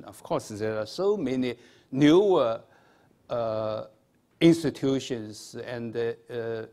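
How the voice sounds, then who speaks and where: A man in his sixties with a Chinese accent, giving a formal lecture at a podium in a halting, hesitant manner with repeated words. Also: mid-range voice, darkish tone. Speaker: academic conference speaker. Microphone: podium microphone.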